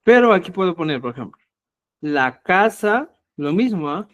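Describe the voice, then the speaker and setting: A man's voice: high-pitched, very animated, normal speed, fairly bright tone. A middle-aged man teaching a live online language class. He explains patiently and keeps checking that students follow. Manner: patient, repetitive, checks understanding with frequent "ya?".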